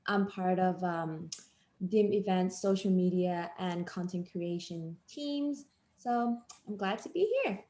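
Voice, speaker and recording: A woman from Thailand, a podcast co-host, introducing herself softly and unhurriedly with pauses. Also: fairly low pitch. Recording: echoey, off-mic room sound.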